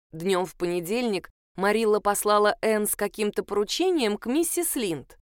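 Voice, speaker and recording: A woman narrating a story aloud in a measured, expressive way, recorded on a close microphone. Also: medium pitch, clear, resonant tone, no room sound. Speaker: audiobook narrator. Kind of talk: scripted narration.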